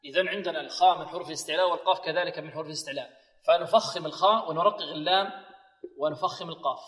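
A man with a slightly high voice leads a Quran recitation lesson. He stretches verses out slowly and asks his students questions that he answers himself. The voice sits far from the mic, inside a long, ringing reverb. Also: a bit bright. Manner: slows into drawn-out recitation of verses. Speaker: Quran recitation teacher and presenter. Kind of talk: tajweed lesson with recited examples.

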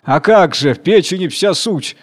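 A man's voice: high voice, lively intonation, normal speed, voice pushed up. A man voicing a foolish, talkative female jellyfish in a fairy tale. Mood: teasing. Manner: chatty, teasing.

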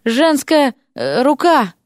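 Woman reader doing a high, flattering young male mage, storybook suitor. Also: takes it slowly, dry recording, studio quality, exaggerated voice. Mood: pleading, gushing. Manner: earnest, pleading, gushing.

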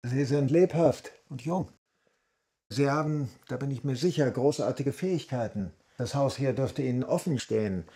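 An actor playing a curious young man who asks questions and flatters, in a radio drama. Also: medium pitch, normal speed, close to an everyday voice. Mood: flattering.

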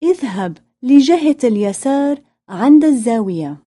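Female phrasebook reader, high-pitched and mellow, deliberate lesson delivery. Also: animated. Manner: deliberate repetition-drill delivery. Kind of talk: scripted phrasebook narration.

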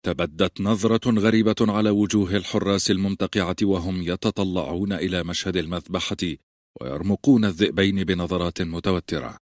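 A man reading a novel aloud as an audiobook narrator, with steady storytelling. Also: low voice, fairly quick, no echo, clean studio sound. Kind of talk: scripted narration.

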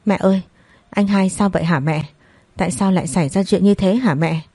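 A woman's voice: lowish voice, a little fast, warm tone, slightly rough, no room sound. A woman reading the part of a sobbing young girl who pleads with her mother.

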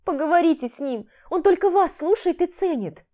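A woman narrator voicing a young pregnant mistress who pleads in a high, tearful voice. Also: animated, a little fast, mellow, natural voice. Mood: pleading, tearful. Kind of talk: audiobook character voice.

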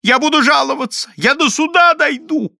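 A man's voice: very high-pitched, normal speed, vocal fry, dry recording, clean studio sound, voice pushed up, heavily acted. A man voicing a bewildered male clerk who cries out indignantly. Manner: indignant, shouting.

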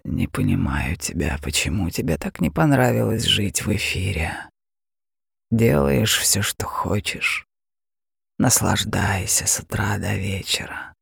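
A huge, mocking dragon, played by a man growls out slow threats in an audiobook. The voice is deeply gravelly and husky, and the words drag along at an unhurried crawl. The recording is close and dry. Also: expressive, a bit bright, no room sound, full character voice. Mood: menacing. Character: huge menacing male dragon, cruel and mocking. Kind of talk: audiobook acting.

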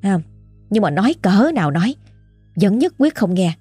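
Brief: Southern Vietnamese woman narrator, mellow, breathy voice, chatty ghost-story retelling, dry close sound, faint music under. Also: mid-range voice, very animated, moderate pace, no echo. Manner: chatty, colloquial, dramatic retelling. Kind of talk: casual storytelling.

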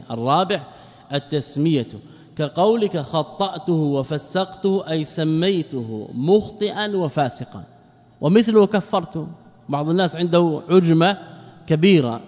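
Speaking a little high and a little mellow, a male sheikh delivers a classroom lecture on Arabic grammar in a large hall. Repetition for emphasis and self-answered questions run throughout his teaching.

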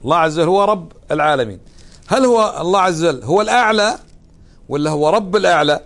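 A man's voice: on the high side, lively intonation, quick pace, a bit bright. A man teaching a religious lesson, often putting questions to his students. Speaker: Islamic teacher.

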